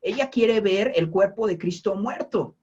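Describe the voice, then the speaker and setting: Husky preacher, emphatic questions. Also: male voice, high-pitched, a little slow, a little mellow. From Mexico. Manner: emphatic, repeats phrases and asks the listener questions. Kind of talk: sermon. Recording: dull lo-fi recording.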